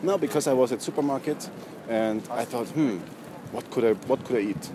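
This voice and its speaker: A young street prankster rambles at passersby with pointless tales on purpose, filling them with fillers and pressing on despite interruptions. He speaks at normal speed in a mid-range voice, outdoors on a noisy city street full of traffic ambience.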